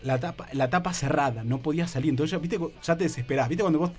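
A young adult man with an Argentine Rioplatense accent, telling a comic story on a radio comedy show, excitable and slangy, acting out other people's lines. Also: on the high side, fast, noisy background. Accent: Argentine Rioplatense Spanish.

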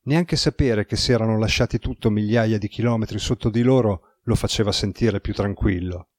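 A man giving a steady, measured scripted narration of a novel as an audiobook reader. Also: on the low side, no echo, clean studio sound.

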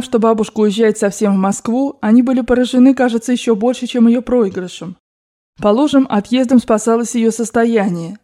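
A woman's voice: on the high side, warm tone. Woman narrating a classic novel. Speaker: audiobook narrator. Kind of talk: audiobook narration.

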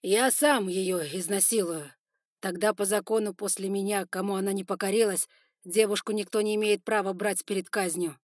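A woman's voice: sits low, fairly even intonation, a little slow, breathy edge, no echo, full character voice. Brief: young male prince, read by a woman, pleading, raw, dry close audiobook sound. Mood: hushed. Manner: pleading loudly, then whispering gently. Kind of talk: audiobook character voice.

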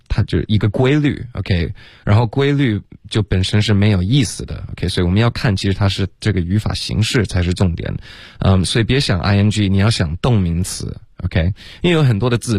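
A man with a fairly low voice teaches pronunciation on a radio lesson. He explains patiently and stretches words out slowly to demonstrate them. The sound is close and dry, with no room behind it. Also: a little mellow, dry recording. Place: radio studio.

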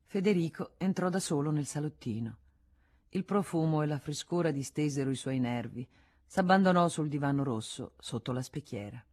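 A woman reading a classic novel aloud in a measured, expressive way. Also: low-pitched. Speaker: audiobook reader. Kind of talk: literary audiobook narration.

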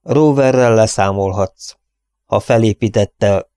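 A man's voice: fairly low pitch, smooth, dry recording, clean studio sound, close to an everyday voice. A man reading an earnest, resolute young man. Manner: quiet, steady, resolute.

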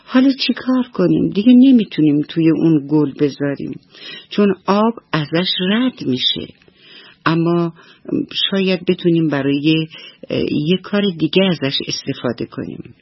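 A woman's voice: sits low, expressive, husky, dry recording, muffled recording, full character voice. Mushi, a woman doing a fretful little boy mouse. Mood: remorseful.

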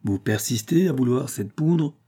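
A man's voice: mid-range voice, lively intonation, measured pace, warm tone, slightly rough. A man voicing an ironic, mocking male city magistrate in an audiobook reading.

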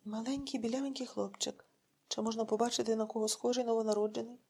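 A woman voicing a frightened, gentle young village woman who speaks earnestly and pleads. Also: fairly high pitch, little pitch movement, quick pace, breathy edge. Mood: earnest pleading.

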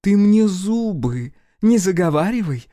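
A man voicing a fierce, sharp-tongued older woman healer who scolds and threatens, in a dry audiobook recording. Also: mid-range voice, lively intonation, moderate pace, no room sound, lightly acted. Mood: scolding. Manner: shouting threats, tongue-lashing.

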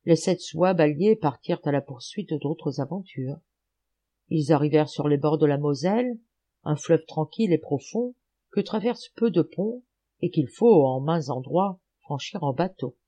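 A woman reading a folk tale aloud as an audiobook narrator, in an animated, expressive manner. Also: deep voice, moderate pace. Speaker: audiobook reader. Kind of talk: storybook narration.

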